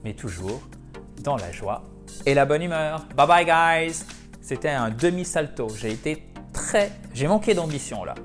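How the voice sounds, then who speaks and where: Lively man teaching English. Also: a little high, unhurried, soft background music. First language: French. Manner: lively, switches between French and English, repeats words for pronunciation. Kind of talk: online English lesson.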